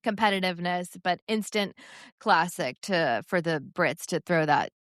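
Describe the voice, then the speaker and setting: A woman's voice: lowish voice, animated, moderate pace, no room sound, studio quality. A woman co-hosting a podcast, chatting casually about sports with many fillers and laughs. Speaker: podcast co-host.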